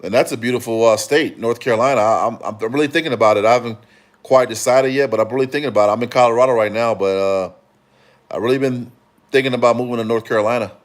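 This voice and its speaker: A livestream host from Chicago, Illinois, answers comments in a relaxed, rambling way. He speaks quickly at a medium pitch, with frequent fillers and restarts.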